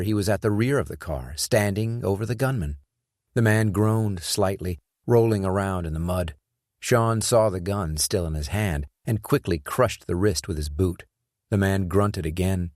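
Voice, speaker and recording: A man narrating an action thriller audiobook in a steady, measured storytelling voice, close on a studio mic. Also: low voice, dry recording. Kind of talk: scripted narration.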